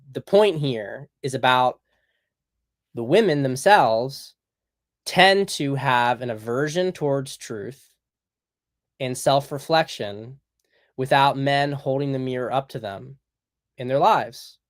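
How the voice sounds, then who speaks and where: A man's voice: medium pitch, takes it slowly, long pauses. A man, hosting a podcast in a blunt, emphatic monologue that often repeats his points. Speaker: podcast host. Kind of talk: opinionated monologue.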